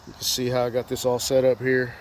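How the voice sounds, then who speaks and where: A fishing vlogger with a sinus infection talks through his fishing gear outdoors, his mid-range male voice congested and stuffy. He speaks fast and in a monotone, rambling along in a casual, folksy way with plenty of fillers. There's slight background noise.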